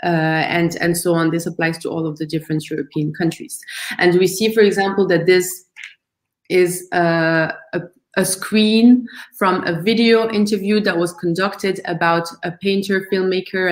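A woman with a lowish voice presents her project as a founder on a video call, picked up by her webcam in a reverberant space. She sounds earnest and thoughtful, with frequent ums and restarts.

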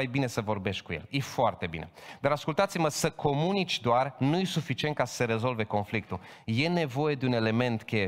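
Man preaching in a reverberant church hall. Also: mid-range voice. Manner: emphatic, rises to loud proclaiming. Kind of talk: Pentecostal sermon.

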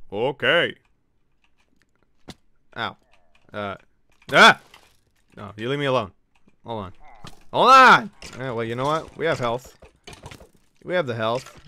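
Excitable streamer man with a bright voice. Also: medium pitch, takes it slowly, long pauses. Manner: excitable, yelps and swears, banters with chat. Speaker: Twitch streamer. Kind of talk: live gameplay commentary.

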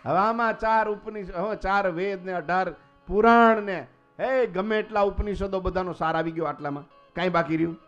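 Animated swami preaching. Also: male voice, sits high, moderate pace. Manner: animated storyteller, swinging between soft asides and loud exclamations. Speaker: swami preaching at a temple assembly. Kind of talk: sermon with storytelling. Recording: slightly muffled recording with faint guitar music.

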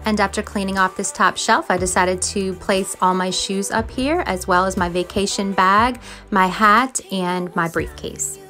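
This middle-aged American woman's voice is medium-pitched, bright and forceful, and she takes her time. She narrates as a home and cleaning vlogger, friendly and encouraging in a confiding way, from a closet at home while music plays under her voice.

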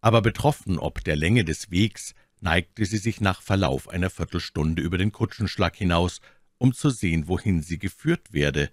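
Deep voiced guy reading an old novel aloud, steady measured audiobook, dry close mic. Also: dry recording. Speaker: audiobook reader. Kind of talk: audiobook narration of a classic novel.

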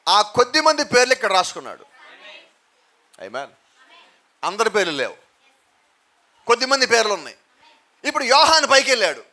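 A man preaching with a very high, sharply bright voice. He fires rhetorical questions and answers them himself, building on repeated phrases. He punctuates the sermon with cries of hallelujah and amen. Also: sing-song, a little fast, long pauses. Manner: preaching with emphatic repetition.

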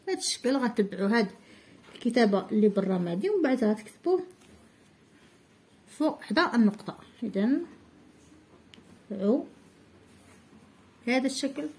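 This is a woman with a Moroccan Arabic accent giving a handwriting lesson to small children. Her voice sits a little high. She is patient and slowly draws out each syllable so the children can repeat after her. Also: very animated, a little mellow. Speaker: primary school teacher.

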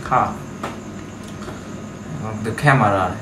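Speaking slowly in a voice on the low side, a male English teacher runs a casual screen-share lesson for beginners. He's chatty, repeats phrases and checks that students follow, in an echoey room with faint background noise.

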